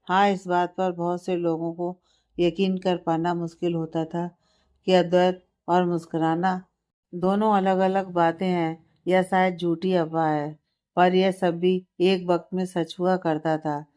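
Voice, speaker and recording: Woman reading a hindi family story, low mellow flat voice, calm and steady. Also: unhurried. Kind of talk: scripted narration.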